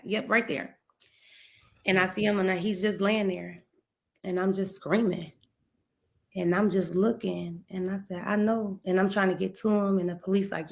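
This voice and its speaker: Podcast guest, woman, middle-aged, from ohio, gravelly voice, tells her story and acts out the quotes. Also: mid-range voice. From Ohio, USA. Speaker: podcast guest, speaker and author. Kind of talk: emotional personal storytelling.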